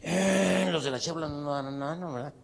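A man's voice: a little high, normal speed, creaky. A man with a Mexican accent telling a crude, slang-heavy joke as a stand-up comedian.

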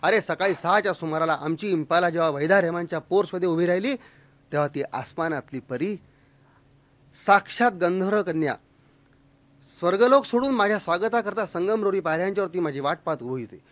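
A man telling a humorous story in a lively, expressive, mock-dramatic way. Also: high-pitched, brisk, no echo.

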